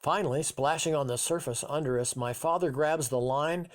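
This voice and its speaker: An older man in his seventies narrating a childhood memory in vivid, measured storytelling. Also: on the high side. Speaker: memoir narrator.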